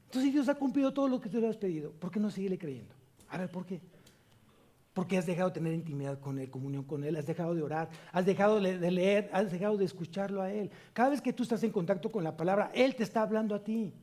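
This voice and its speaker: Pastor, male, high and mellow voice, emphatic sermon delivery with questions to the congregation. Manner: preaching with rhetorical questions to the congregation; slow emphatic reading of scripture. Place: church service.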